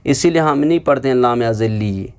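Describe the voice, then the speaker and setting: A man teaching a lesson on Quran reading, spelling letters slowly and having listeners repeat after him, then explaining quickly. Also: mid-range voice, darkish tone, smooth.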